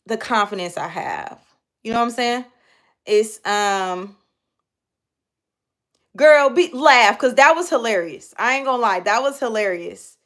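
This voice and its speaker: A woman's voice: medium pitch, fairly bright tone. A young woman, chatting casually on a live stream, reading comments and talking straight to her viewers in slangy speech. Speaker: livestream host.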